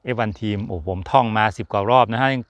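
A man's voice: on the low side, fairly quick, dry recording. A man hosting a casual chatty motorsport talk, joking and rambling with fillers as he talks to his viewers. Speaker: F1 channel host. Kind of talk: casual chat to camera.

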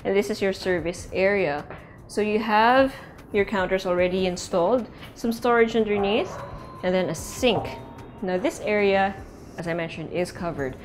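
This real estate tour host, a young woman with a Filipino accent, walks through an empty house inside and out, chatting casually and switching languages mid-sentence. She talks at normal speed in a medium pitch over music.

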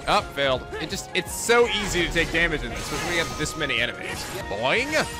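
A man hosting a comedic let's play, talking in an animated, joking way and swearing often. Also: fairly high pitch, fast talker, music in the background.

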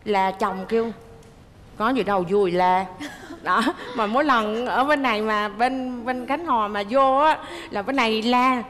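A middle-aged woman tells lively stories as a guest on a talk show. Her voice is fairly high. A long reverb and faint noise surround it. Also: unhurried. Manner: lively, laughing retelling with acted quotes. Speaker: guest mother-in-law. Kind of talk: casual storytelling on a TV talk show.

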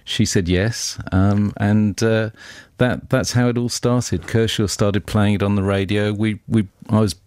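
Male guest, low voice, chatty anecdotal delivery, dry close mic. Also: fairly even intonation, measured pace, hardly any pauses, darkish tone, clear, resonant tone, dry recording. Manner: chatty storyteller, laughs often. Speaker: record label boss. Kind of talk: radio interview guest, anecdotes.

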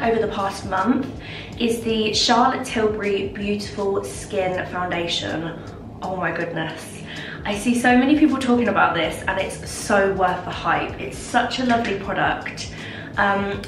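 With a medium-pitched voice, a young adult lifestyle vlogger chats through a casual makeup tutorial in her indoor home bathroom, gushing and filling gaps with fillers. She comes across as nasal, stuffed up and slightly breathless. A camera some distance away records with roomy echo and background hiss.

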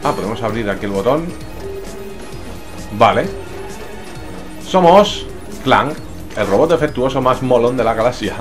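A man's voice: mid-range voice, a little fast, long pauses. A man with a Spain accent giving casual, slangy, exclamatory let's play commentary. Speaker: gamer, let's play host. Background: game music.

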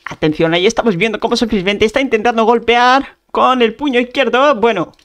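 A woman's voice: a little high, brisk, natural voice. A woman putting on a mock sports commentator voice to announce her own gameplay. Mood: announcing. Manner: announcing play-by-play.

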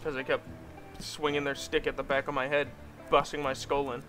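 A young man streaming a hockey game with friends, yelling at the game, swearing and laughing as he plays. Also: medium pitch, level tone, moderate pace, music in the background. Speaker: gaming streamer. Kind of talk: excited gameplay chat.

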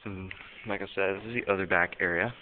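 A man casually narrating a walkthrough of a dark empty store, hesitant and full of ums, easily spooked. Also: sits low, steady tone, fast. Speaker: vlogger exploring an abandoned store. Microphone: handheld camera mic. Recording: tinny lo-fi camera audio with faint hiss.

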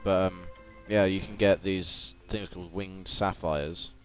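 A young man's deep voice, steady in tone and measured in pace, delivers casual let's play commentary full of chat and jokes. He creates gaming videos; video game music and sounds, plus doubled game audio, are audible in the background.

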